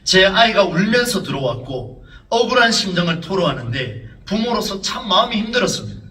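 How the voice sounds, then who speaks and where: A man's voice: high voice, big pitch swings, a little fast, sharp tone, recorded from a distance. A man, a pastor, preaching earnestly and dramatically in church, with rhetorical questions to the congregation. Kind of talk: sermon. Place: church sanctuary. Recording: echoey church, voice from off the mic.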